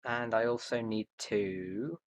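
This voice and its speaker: A man's voice: fairly low pitch, steady tone, takes it slowly. A young man streaming live, thinking aloud as he builds, hesitant and muttering to himself with many fillers. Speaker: livestreamer.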